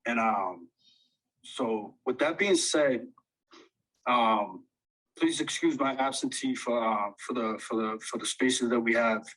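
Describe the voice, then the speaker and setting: A man talking into a phone, out of breath, halting with many fillers and restarts, earnest and eager. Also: medium pitch, a bit bright, poor audio. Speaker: audience speaker. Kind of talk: casual chat on an audio call.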